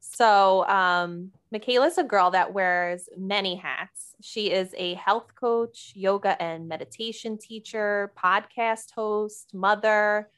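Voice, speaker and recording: A woman hosts her own podcast and welcomes a guest in a casual chat. She speaks in a friendly, easy way with small hesitations. Her pitch sits in an ordinary middle range. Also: steady tone, slow pace, few pauses, a bit bright, clean tone. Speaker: podcast host, interviewer.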